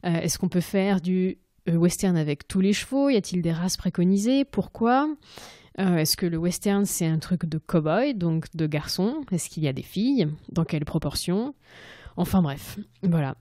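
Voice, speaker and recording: A woman's voice: lowish voice, dark tone, dry recording, clean studio sound. A woman from France with a French accent, hosting a podcast interview in an enthusiastic, chatty way with many fillers. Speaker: podcast host. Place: home, recorded remotely.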